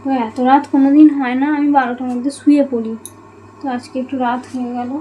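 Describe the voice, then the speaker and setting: A chatty woman talks to her viewers in a home vlog, her voice sitting high. Faint room noise hums behind her. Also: flat delivery, fast talker, mellow, dull audio. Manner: chatty, addresses viewers as friends. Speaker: lifestyle vlogger. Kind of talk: casual home vlog chat. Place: home at night.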